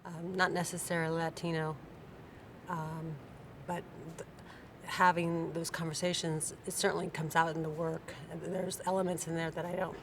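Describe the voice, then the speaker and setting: A woman from Seattle speaking as an artist on a panel, talking haltingly with many pauses and restarts. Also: low voice, flat delivery. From Seattle, United States. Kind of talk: unscripted panel remarks. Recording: audible background noise.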